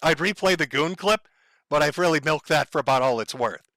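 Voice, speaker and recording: A man's voice: on the high side, expressive, brisk, pushed and bright, dry recording. A man hosting a livestream, commenting to his chat in a blunt, profane, sardonic way. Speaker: stream host.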